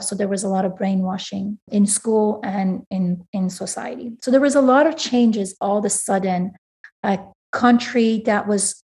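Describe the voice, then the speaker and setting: A woman's voice: medium pitch, warm tone. Earnest woman guest from Iran. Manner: earnest, candid, self-correcting. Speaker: author guest. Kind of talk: interview conversation.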